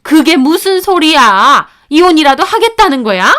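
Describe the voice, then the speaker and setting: A woman's voice: high voice, big pitch swings, normal speed, a bit bright. A woman voicing a stern, contemptuous older father-in-law who scolds his daughter-in-law in a narrated story. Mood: scolding.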